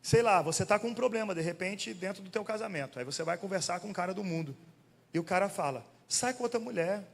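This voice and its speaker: A male pastor preaching a sermon in an animated, conversational way, firing questions at the congregation. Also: high voice, fast talker, vocal fry. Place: church hall. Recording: long church hall reverb.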